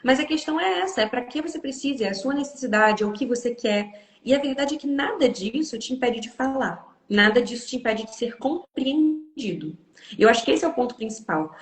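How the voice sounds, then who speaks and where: Her fairly high voice echoes around the room as she speaks. She's an English teacher from a Brazilian Portuguese background, appearing as a live-stream guest and offering her perspective in an upbeat, encouraging conversation.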